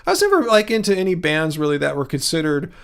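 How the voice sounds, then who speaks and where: On a casual livestream, a man from California replies to viewers in a rambling, easygoing way with a Californian American accent. His voice is on the high side, sing-song and quick, with vocal fry and a clean, fairly bright tone.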